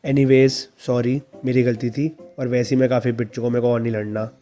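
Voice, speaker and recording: A calm, gentle high-school boy, voiced by a man retelling the story, big and soft-spoken, quick to apologize. The voice is mellow and dark, with faint music underneath. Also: close to an everyday voice. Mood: calm, apologetic.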